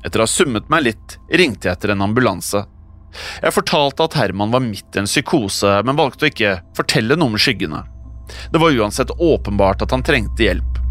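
A man with a fairly low voice reads a horror story in a steady, suspenseful way. Faint music plays softly behind his words. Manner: measured, suspenseful first-person telling. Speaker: podcast narrator. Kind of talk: scripted horror narration.

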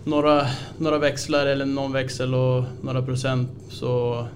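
Even-toned Swedish man in a casual interview. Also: mid-range voice, slight background noise. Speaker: ice hockey player being interviewed.

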